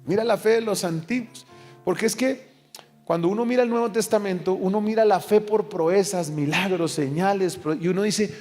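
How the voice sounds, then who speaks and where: Pastor, man, fairly high voice, emphatic pulpit delivery, faint music under. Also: normal speed. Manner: emphatic, animated preaching with call-and-response. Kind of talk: sermon. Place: church service.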